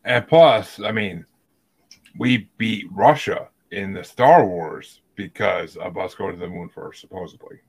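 A man's voice: deep voice, a little slow, husky. A man hosting a podcast in casual chat, talking loosely with trailing asides. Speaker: podcast host.

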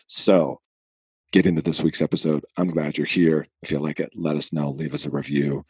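A man's voice: extremely low pitch, little pitch movement, normal speed, a little mellow, breathy edge, no room sound. A man with a Boston accent hosting a podcast in a casual, conversational style. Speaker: podcast host.

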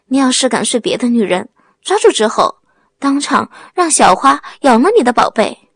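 A woman's voice: sits high, sing-song, unhurried, no room sound, full character voice. A woman voicing a domineering young bride who talks down with scorn and shrieks in anger. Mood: scornful.

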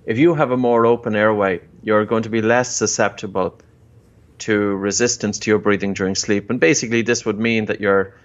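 Low-voiced man explaining, slightly muffled audio. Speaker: breathing expert guest and co-host. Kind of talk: explanatory health advice in conversation. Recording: dull, band-limited remote audio.

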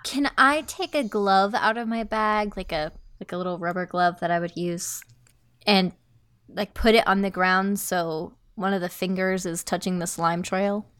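A woman's voice: mid-range voice, steady tone, normal speed, a bit bright, smooth, no echo. A woman playing a tabletop game, asking curious questions full of fillers. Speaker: player.

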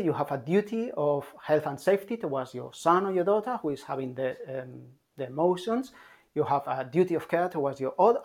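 Calm parenting coach who keeps asking "yeah?". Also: mid-range voice. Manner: calm and emphatic, checks in with a frequent "yeah?"; repeats key points for emphasis. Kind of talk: advice talk to parents.

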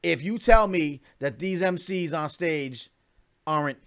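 A man talks straight to his listeners in a loose, unscripted podcast. He hypes events with real enthusiasm, and his voice sits a little high for a man. He stumbles, restarts and fills gaps with "um" and "you know.". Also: measured pace. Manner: animated, hyping events, many fillers and restarts. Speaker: podcast host. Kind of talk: casual solo podcast talk.

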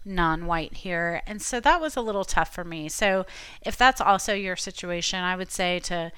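A woman from Florida hosting a podcast, giving chatty, encouraging advice in a relaxed conversational way. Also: fairly low pitch, moderate pace, clear, resonant tone, dry recording. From Tampa, Florida. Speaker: podcast host. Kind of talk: casual advice talk.

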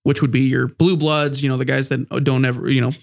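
A man's voice: mid-range voice, flat delivery, brisk. A man with a stuffy, congested nose and a mild sore throat, hosting a casual sports podcast in a rambling, conversational way. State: mildly sick with a sore throat. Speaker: podcast host.

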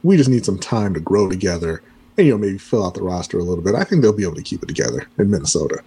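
A man co-hosting a podcast, giving measured, thoughtful takes on basketball. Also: deep voice, lively intonation, dark tone, slightly rough. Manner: measured, thoughtful, many fillers. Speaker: podcast co-host. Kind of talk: casual sports podcast chat.

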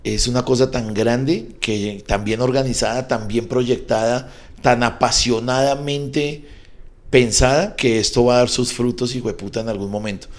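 Profane Colombian comedian telling stories. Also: male voice, medium pitch, fairly even intonation, moderate pace. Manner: rambling, profane, jokey storyteller. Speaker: guest comedian. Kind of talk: casual podcast storytelling.

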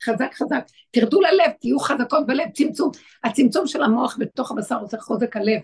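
A woman's voice: fairly high pitch, slightly rough. A woman leading a religious lesson for women, urging her listeners on with short, repeated phrases. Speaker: spiritual teacher leading a women's class.

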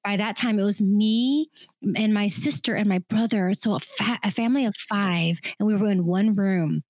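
A middle-aged woman from Vietnam, co-hosting a podcast, telling a personal story in an animated way with quick asides. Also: medium pitch, dry recording. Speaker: podcast co-host. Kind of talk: casual conversation.

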